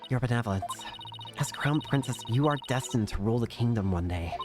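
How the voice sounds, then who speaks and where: A man voicing a solemn, respectful judge in a courtroom game, measured and formal. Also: medium pitch, animated, over music, lightly acted.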